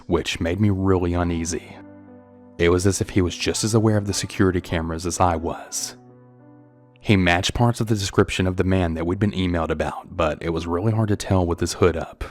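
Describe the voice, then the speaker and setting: A man with a deep, low voice narrates a true horror story in the first person, in a scripted style. His telling stays tense and steady, with faint music playing behind him.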